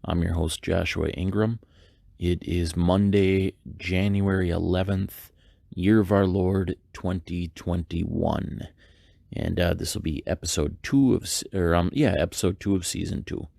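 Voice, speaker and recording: A man with a very low, gravelly voice hosts a devotional podcast. He talks in an earnest, reflective way, stopping and restarting often. The recording is dry and close, with no room echo. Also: fairly even intonation, dark tone. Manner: halting, many fillers and restarts. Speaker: podcast host. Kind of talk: casual devotional monologue.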